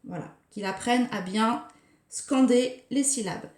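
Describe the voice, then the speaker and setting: A woman preschool teacher giving a recorded lesson for young children, speaking slowly and articulating each syllable with care. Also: fairly high pitch, a little mellow. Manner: slow, carefully articulated, scanning syllables. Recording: roomy echo.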